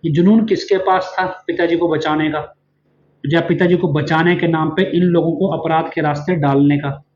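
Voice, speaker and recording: A man's voice: a little high, darkish tone. A man tells a long story in an earnest, explanatory way and keeps asking rhetorical questions. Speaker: channel host and former follower. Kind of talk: storytelling monologue. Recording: dull lo-fi sound with faint background noise.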